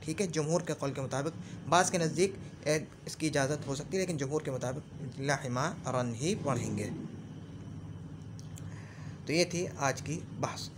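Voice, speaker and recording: A man teaching Arabic grammar in a lesson, slowly repeating example phrases and often checking that the listener follows. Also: a little high, background noise. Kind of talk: explanatory lesson.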